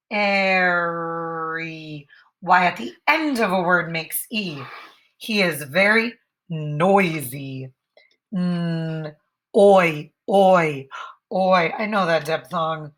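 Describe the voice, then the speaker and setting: A woman teacher modeling writing for young children, thinking aloud patiently and slowly stretching each word into its sounds. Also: fairly low pitch, bright, forceful tone.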